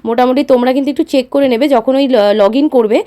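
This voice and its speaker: Quick high-voiced woman explaining bookings. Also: dark tone. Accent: Bengali. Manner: instructive, addresses viewers directly, many filler "ah"s. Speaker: travel vlogger. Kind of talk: voice-over explaining online booking.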